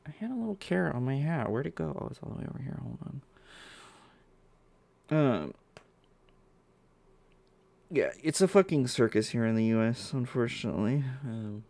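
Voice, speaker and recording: Gravelly man ranting on a stream. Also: medium pitch, sing-song, normal speed, long pauses, darkish tone. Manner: profane, rambling, ranting with fillers. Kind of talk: live-stream reaction commentary.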